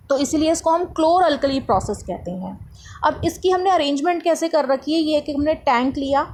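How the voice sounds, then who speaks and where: High-pitched woman tutoring chemistry. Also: a little hiss or hum, low-quality recording. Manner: explains step by step with rhetorical questions. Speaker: science tutor. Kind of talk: classroom lesson explanation.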